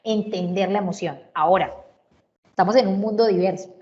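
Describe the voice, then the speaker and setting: A woman's voice: medium pitch, fairly quick, a little mellow, dull audio. A woman giving a workshop talk to teachers on emotions and learning. She often asks rhetorical questions and repeats her key points.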